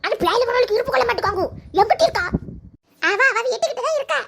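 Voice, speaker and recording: A woman voicing an excitable young village woman, chattering and gossiping. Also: extremely high pitch, rapid-fire, vocal fry, a little hiss or hum, exaggerated voice. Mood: chatty.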